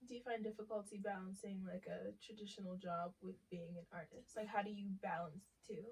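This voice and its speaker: A woman interviewer asking relaxed, curious questions in a casual chat. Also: mid-range voice, a little fast, breathy edge. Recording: voice from a distance off the mic.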